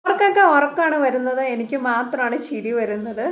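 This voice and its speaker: Woman vlog host, high bright voice, giggly and playful, recorded in an echoey room at home. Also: lively intonation, a little fast, background noise. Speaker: vlogger host. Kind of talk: casual family challenge vlog.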